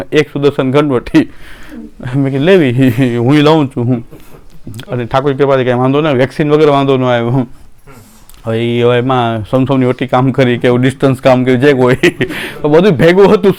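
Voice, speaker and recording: A man's voice: mid-range voice, a little mellow, smooth. A man giving a devotional discourse, folksy, acting out quoted voices and laughing often. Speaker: religious teacher.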